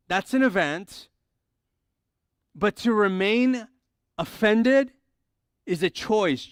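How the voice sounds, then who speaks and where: A male pastor preaching a sermon in a conversational way, acting out everyday quotes and dropping his voice low and soft for emphasis. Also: dry recording, studio quality.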